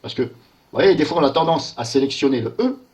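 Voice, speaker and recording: A man narrating a screen-recorded software walkthrough, thinking aloud and muttering in puzzlement as he clicks through menus. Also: fairly high pitch, lively intonation, a little fast. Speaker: software tester.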